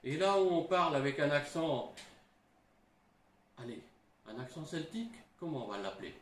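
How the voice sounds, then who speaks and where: A middle-aged man, a historian, explaining in a halting way, full of restarts and little tag words. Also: fairly high pitch, sing-song, fairly bright tone. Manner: halting, frequent "hein" and restarts. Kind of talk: explanatory talk. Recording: roomy with faint ambience.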